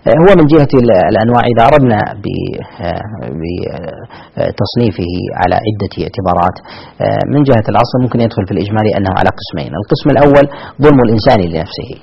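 Husky gravelly guy scholar explaining religion in formal standard arabic, super fast, didactic, bit muffled. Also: fairly low pitch, animated. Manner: didactic, repeats key phrases for emphasis.

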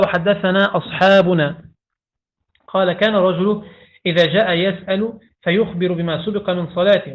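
A man reading hadith texts aloud, reciting chains of narrators quickly with small slips and restarts. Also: high-pitched. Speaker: hadith reader. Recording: tinny phone-like sound.

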